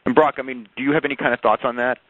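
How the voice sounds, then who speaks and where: A man's voice: medium pitch, steady tone, rapid-fire, dry recording. A male sports reporter asking wordy, stumbling questions on a press conference call over the telephone. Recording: narrow, muffled telephone line.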